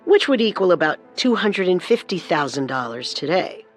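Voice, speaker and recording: A fairly high-voiced man, co-hosting a true-crime show, narrates the scripted case in a storytelling style as soft music plays underneath. He sounds very animated and keeps a normal speed.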